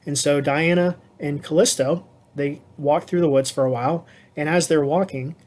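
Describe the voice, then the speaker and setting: Teacher guy telling a myth super casually, lots of uh and restarts, kinda high voice. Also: steady tone, normal speed, a little mellow. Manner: loose and conversational, many fillers and restarts. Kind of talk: casual storytelling lesson.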